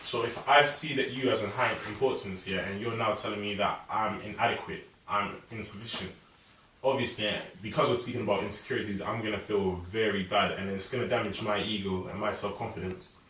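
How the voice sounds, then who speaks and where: An earnest young man explains his view at length on a teen panel. His voice sits a little low, and it comes from a distant mic in a roomy space. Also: fairly even intonation, a little fast, sharp tone, slight background noise. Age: young adult. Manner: earnest, reasoning aloud. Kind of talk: casual panel discussion.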